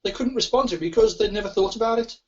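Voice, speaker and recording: Brief: male cosplayer guest, a touch high-pitched, stammering restarts, muffled recording. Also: very fast. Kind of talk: casual convention interview chat.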